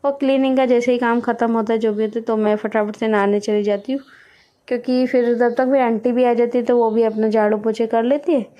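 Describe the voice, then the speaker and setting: A woman talks through her daily routine as a home vlogger, in a chatty, step-by-step way. Her voice sits a little high, with a soft, mellow tone. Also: fairly even intonation, a little fast, lo-fi sound. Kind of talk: casual home vlog narration.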